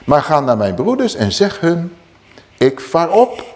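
Jesus, grave and earnest, lines pitched up and spoken slowly, read aloud by a male preacher. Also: huge pitch swings, darkish tone, in a large hall. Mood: solemn. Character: Jesus speaking gently to a woman.

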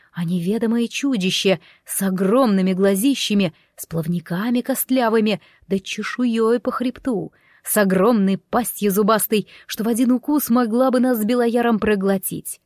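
A woman's voice: mid-range voice, darkish tone, dry recording, studio quality. A woman narrating a fairy tale audiobook in first person, reading expressively and giving the characters their own voices.

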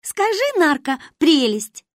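A pushy, excitable little girl who shrieks and insists at the top of her voice, as a woman reading a storybook puts her on. The voice sits very high and swoops widely, and the sound is close and dry. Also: takes it slowly, no echo, exaggerated voice. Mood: insistent. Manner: shrill, insistent, exclaiming.

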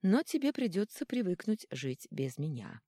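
Storybook brief: woman reading as a sad, gentle mother, soft and low. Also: big pitch swings, moderate pace, breathy edge, no echo, clean studio sound, full character voice. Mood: soft sorrowful. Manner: soft and sorrowful.

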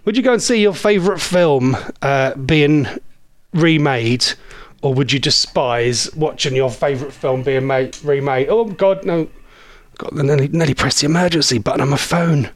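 A man's voice: fairly high pitch, normal speed, no echo. A man hosting a radio show, chatting in a rambling, self-deprecating way from a studio microphone. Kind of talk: casual radio chat.

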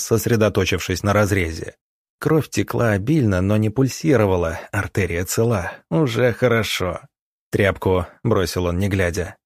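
A man narrating an audiobook in a steady, even storytelling manner. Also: lowish voice, dry recording, studio quality. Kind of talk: scripted narration.

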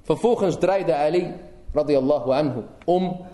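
A man preaching a sermon with a dramatic delivery, long pauses and swooping rises and falls. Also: a little high, dark tone, echoey room.

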